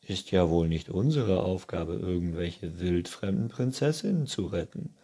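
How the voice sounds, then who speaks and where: A man's voice: sits low, animated, a little slow, mellow, slightly rough, exaggerated voice. Sulky shrugging dog, read by a man. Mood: dismissive. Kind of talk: children's book reading.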